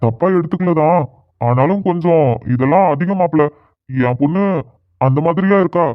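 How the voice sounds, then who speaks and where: A man voicing a fond, gentle father-in-law who speaks softly for his daughter in a cartoon, with a thin, phone-like sound. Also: on the high side, moderate pace, dry recording, lightly acted. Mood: coaxing. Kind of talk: cartoon voice acting. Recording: dry, phone-like narrow sound.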